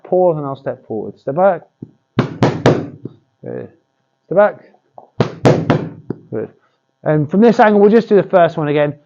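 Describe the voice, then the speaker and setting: A man's voice: a little high, creaky, muffled recording, heavy background noise. A man coaching boxing pad work, demonstrating drills with short cues and encouragement.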